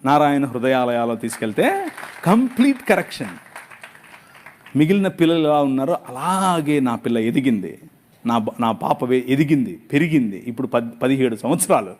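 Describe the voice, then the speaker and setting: A man's voice: medium pitch, very animated, normal speed. A middle-aged male pastor preaching an emotional, dramatic sermon full of rhetorical questions. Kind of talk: impassioned sermon.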